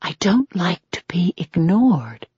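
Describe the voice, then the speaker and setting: A woman voicing a seductive, sadistic female serial killer in a soft, purring, hushed voice, recorded with slightly dull audio. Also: fairly low pitch, very animated, slow, breathy edge, dry recording, full character voice. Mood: menacing.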